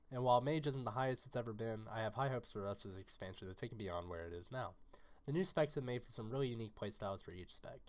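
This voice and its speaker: A man with a raspy, hoarse voice from being under the weather, giving a scripted game guide narration in a brisk, informative way. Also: mid-range voice. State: hoarse from illness.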